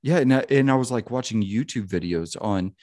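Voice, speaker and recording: A man's voice: mid-range voice, fairly quick, darkish tone, no echo, clean studio sound. A man around thirty hosting a casual podcast chat, rambling and profane, leaning on "you know what I mean.". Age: 30s.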